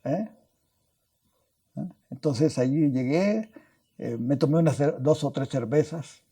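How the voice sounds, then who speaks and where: An older Mexican man, a guest scientist on a podcast interview, tells anecdotes in a Mexican Spanish accent. His voice is fairly high, slow, and mellow, and he restarts words and tacks on tag questions as he talks.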